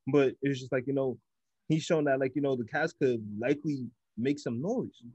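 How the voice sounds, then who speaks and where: A man's voice: mid-range voice, steady tone, moderate pace, darkish tone, slightly rough, dry recording, muffled recording. A man co-hosting a casual basketball podcast, talking in a laid-back, teasing way full of fillers. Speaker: podcast co-host. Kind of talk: casual sports chat.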